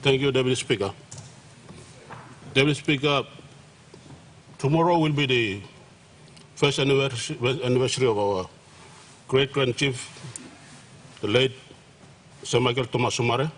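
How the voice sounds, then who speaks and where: A Papua New Guinean man delivers a formal speech as a minister. His voice sits at an average pitch, and his delivery is measured and a little halting. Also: a bit bright, slight background noise. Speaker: government minister. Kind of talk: formal parliamentary tribute.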